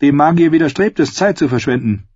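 A man's voice: a little high, lively intonation, brisk, a little mellow, husky, dry recording, pitched above the performer's own voice. A man voicing a sly young man known as the Sphinx, speaking lightly and knowingly. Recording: dull, dry lo-fi recording.

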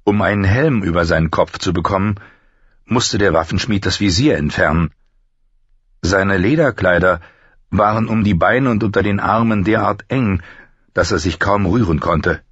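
A man narrating an audiobook with a steady, measured reading. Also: low voice, slightly rough, dry recording, muffled recording. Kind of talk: scripted narration.

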